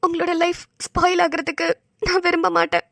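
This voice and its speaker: A woman's voice: extremely high pitch, sing-song, brisk, fairly bright tone, no echo, studio quality, heavily acted. A woman voicing a tearful young woman. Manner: pleading, tearful. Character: tearful young woman pushing a suitor away. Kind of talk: cartoon voice acting.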